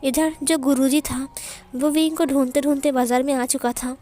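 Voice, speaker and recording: A woman reads a fan fiction story aloud in a plain, steady way, setting up each line with who said it. Her voice sits high, and faint music runs underneath. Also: normal speed. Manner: plain, steady narration with frequent "he said".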